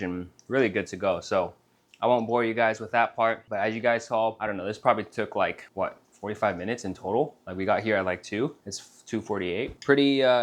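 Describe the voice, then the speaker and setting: A man, a fitness coach talking casually to camera in a relaxed, chatty vlog, sometimes speaking with his mouth full. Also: mid-range voice.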